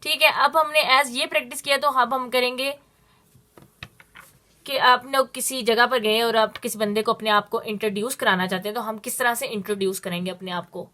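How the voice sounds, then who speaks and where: A woman teaching a Spanish lesson, explaining step by step and drawing out her Spanish examples slowly. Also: on the high side, steady tone, sharp tone. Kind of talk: spoken language lesson.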